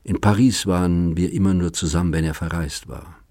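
A man reading the part of an adult woman who tearfully pleads with her lover, in a soft, pleading manner. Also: low-pitched, steady tone, fairly quick, no echo, studio quality. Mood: quiet. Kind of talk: audiobook character reading.

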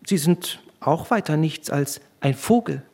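Guy reading a spacey young student, rapturous, husky voice. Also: a little high, animated, measured pace, warm tone, pitched above the performer's own voice, full character voice. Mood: fervent. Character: dreamy, unhinged young male student.

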